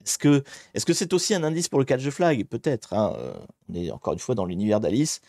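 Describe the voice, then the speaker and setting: Here the man sounds mellow and medium-pitched, talking fairly quickly with lively intonation. He casually narrates his hacking challenge for a live stream in a chatty, rambling way, often cutting in on himself with corrections; studio quality, no echo.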